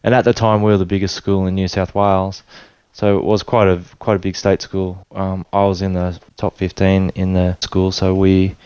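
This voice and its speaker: A lowish, resonant Australian man in his forties talks through his own story in an easy, meandering way. He often stops and restarts his sentences, and his tone barely rises or falls. The sound is slightly dull, like a remote line from home. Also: moderate pace, smooth, dry recording. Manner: relaxed and rambling, with frequent restarts. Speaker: guest. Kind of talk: casual storytelling interview.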